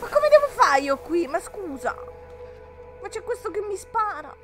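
A woman's voice: very high-pitched, very animated, measured pace, a bit bright, faint music behind. A woman, chatting jumpily with viewers and laughing often while she plays a game on a live stream. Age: 30s. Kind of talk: casual live-stream chat while gaming.

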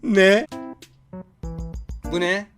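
Excitable high-voiced young man reacting. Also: drawn-out words, faint music behind. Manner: excitable, exclaiming and mock-outraged. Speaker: YouTuber reacting to videos. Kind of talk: casual reaction commentary.

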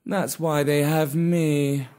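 A narrator voicing a fat old aristocratic cat who speaks slowly and pompously, with condescension. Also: medium pitch, fairly even intonation, darkish tone, lightly acted.

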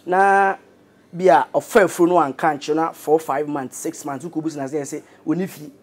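A Ghanaian man in his thirties with a Ghanaian accent, a radio presenter chatting as an interview guest in a jokey, animated way. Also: fairly high pitch, moderate pace. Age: 30s. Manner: jokey, animated, laughing often. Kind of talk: casual interview chat.

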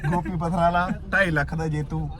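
A man's voice: a little high, fairly even intonation, moderate pace. A young man with a Malwa Punjabi accent chatting casually as a vlogger. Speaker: vlogger and kabaddi player. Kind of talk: casual vlog chat. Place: in a car and outdoors. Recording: loud chatter behind, car and outdoors.

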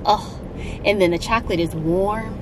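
A woman's voice: medium pitch, noisy background. A woman co-hosting a food vlog, chatting casually and enthusiastically while tasting a dessert. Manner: enthusiastic, drawn-out delivery. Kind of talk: casual food review chat.

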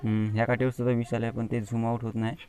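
A man with a Konkani Marathi accent, chatting excitedly as he films a demonstration on his phone and swears mildly at it now and then. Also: mid-range voice, fast, low-quality recording. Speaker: vlogger. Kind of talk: casual outdoor demonstration vlog. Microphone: phone camera.

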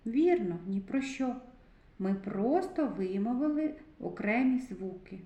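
A woman giving a slow, clear lesson to preschool children and asking them to repeat sounds after her. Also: a little high, warm tone. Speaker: preschool teacher. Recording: dull, lo-fi sound in an echoey room.

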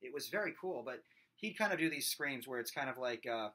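A vocal coach in his thirties gives a casual singing lesson at home, speaking to a webcam at desk distance and talking with his hands. His small, nasal, somewhat whiny voice is expressive, brisk, pushed and bright, and he demonstrates belted high screams.

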